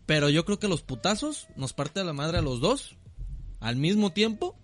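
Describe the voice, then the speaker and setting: A Mexican man with a high, bouncy voice that swoops all over as he trades crude jokes on a podcast. He keeps teasing and scolding his co-host, laughing often. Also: sing-song, normal speed. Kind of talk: casual crude banter.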